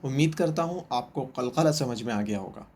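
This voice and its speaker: A man's voice: mid-range voice, expressive, darkish tone. A man teaching Quran reading in a recorded online lesson, patiently asking questions and answering them himself, and repeating each sound three times.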